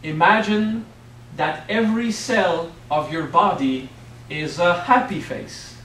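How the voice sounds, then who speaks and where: Recorded from far off on a camera in an echoey hotel meeting room, this middle-aged French-accented man speaks high-pitched, slow and a bit bright, with a little hiss or hum behind him. He's a spiritual teacher running a playful workshop, often asking "okay?" to check in.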